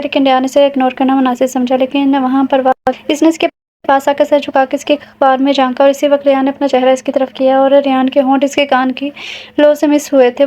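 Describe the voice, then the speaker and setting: A woman narrating a romance audio novel in a steady storytelling way, with the odd restart. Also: high-pitched. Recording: dull recording with faint hiss.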